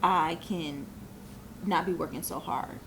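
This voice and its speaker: Speaking slowly in a fairly low, steady voice, a twenties-aged business owner reflects earnestly during a casual interview, filling her speech with filler phrases. Background noise can be heard.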